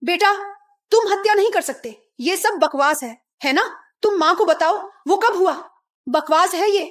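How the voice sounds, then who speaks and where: A woman playing a frantic older mother in a dubbed drama, talking in a shrill, disbelieving way. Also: fairly even intonation, very fast. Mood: shrill disbelief. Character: frantic older mother defending her son.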